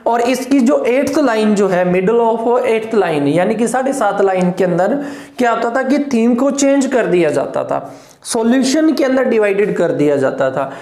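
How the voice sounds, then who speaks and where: In a reverberant setting, a woman with a fairly high but dark-toned voice gives an exam-prep lecture on English literature in Hindi with English terms. She explains terms step by step, counts syllables aloud, and frequently asks "clear?" to make sure students keep up.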